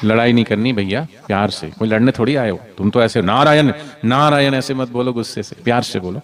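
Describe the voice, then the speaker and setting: A man telling a devotional story to children, animated, with frequent call-and-response prompts. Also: mid-range voice, fast, heavy background noise. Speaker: spiritual storyteller.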